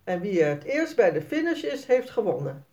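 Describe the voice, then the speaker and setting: A woman voicing a cheerful young mother in a storybook, speaking in a bright, encouraging way. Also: medium pitch, sing-song, moderate pace, lightly acted.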